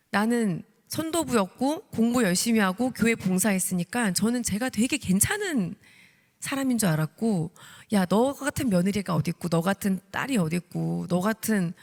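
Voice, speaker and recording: A woman's voice: mid-range voice, moderate pace, vocal fry. Woman testifying in a reverberant church. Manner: animated storytelling, acting out her own prayers. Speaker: deaconess giving a testimony. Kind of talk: testimony sermon. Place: church sanctuary. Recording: long hall reverb.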